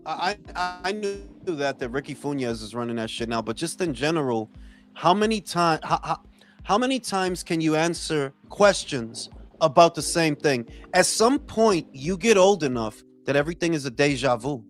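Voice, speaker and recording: A man's voice: a little high, lively intonation, moderate pace, faint music behind. A man leading a casual boxing discussion in a slangy way, repeating phrases for emphasis. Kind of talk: casual chat.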